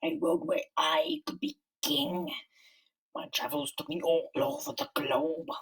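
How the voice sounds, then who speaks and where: A man voicing a bitter, megalomaniac underground comic-book villain in a slow, theatrical, menacing monologue with a whispery rasp. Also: very high-pitched, flat delivery, fairly bright tone, recorded from a distance, voice pushed up, heavily acted. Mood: brooding. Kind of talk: dramatic comic-book reading.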